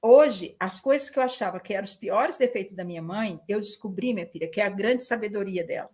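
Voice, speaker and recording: A woman in her sixties talking casually with her daughter, telling stories with lively laughter. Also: mid-range voice, a little fast. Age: 60s. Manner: animated storytelling, laughing often. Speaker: mother, systemic counselor. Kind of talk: casual conversation.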